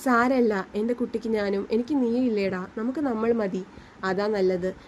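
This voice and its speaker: A woman voicing a loving young husband who calmly soothes his wife. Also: on the high side, normal speed, a little hiss or hum, close to an everyday voice. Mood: soothing. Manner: soft, soothing.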